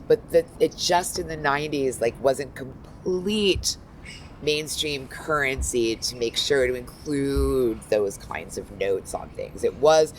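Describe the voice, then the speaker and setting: A woman in her fifties, a guest art critic, talking in a lively, animated way full of asides. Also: a bass voice, slow, slight background noise, rough recording. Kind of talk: casual interview talk.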